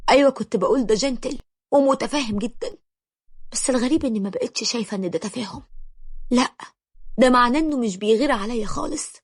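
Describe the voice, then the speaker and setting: A woman's voice: a little high, fast, husky, dry recording, studio quality. A young Egyptian woman narrating her own story in the first person, confiding and emotional. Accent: Egyptian Arabic.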